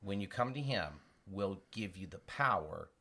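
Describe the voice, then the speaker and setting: Low-voiced man teaching about faith. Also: animated, creaky, pushed and bright. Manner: earnest, with halting restarts and acted-out examples. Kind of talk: conversational Bible teaching.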